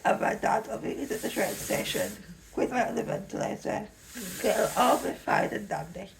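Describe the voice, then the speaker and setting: Gravelly young woman telling a story. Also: mid-range voice, normal speed, a little hiss or hum, low-quality recording. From Leeds, England. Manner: animated, chatty storytelling full of "like". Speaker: vlogger. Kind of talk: casual storytime.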